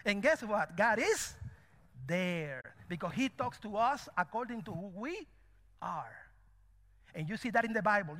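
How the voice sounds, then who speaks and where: Animated preacher with a Cuban-born lilt. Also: male voice, sits high, long reverb tail. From Cuba. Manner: animated, dramatic preaching with acted-out voices. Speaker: pastor. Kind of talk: sermon.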